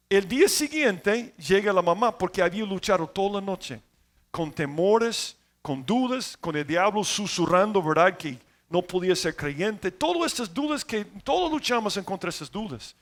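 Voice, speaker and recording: High-voiced preacher telling stories. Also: male voice. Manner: storytelling preacher, shifts between loud emphasis and quiet asides. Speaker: pastor. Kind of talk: sermon.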